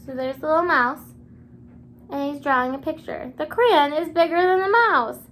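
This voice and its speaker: A kindergarten teacher reads aloud to her class, her high, slightly bright voice full of expression and encouragement. She keeps her phrases simple, asks questions, and pauses so the children can answer, with a little background noise in the recording.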